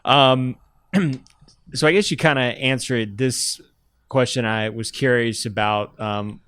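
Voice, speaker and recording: A man hosts a relaxed podcast interview, with short prompts and easy laughter. His voice is recorded dry, with no room sound. He speaks at an ordinary male middle pitch. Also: slow, clean tone, dry recording. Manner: easygoing, laughs along, brief prompts. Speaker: podcast host.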